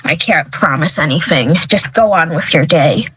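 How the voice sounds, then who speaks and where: A woman's voice: low voice, expressive, normal speed, fairly bright tone, husky, no room sound, pitched below the performer's own voice, heavily acted, poor audio. A woman voicing a cocky male hunter who taunts and shrugs things off. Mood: taunting. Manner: teasing, taunting.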